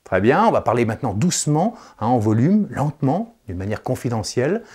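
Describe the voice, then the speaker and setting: A man leading vocal coaching exercises, encouraging the viewer directly and swinging between loud declarations and soft, confidential tones. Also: medium pitch, very animated, brisk, slightly rough. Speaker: speaking coach.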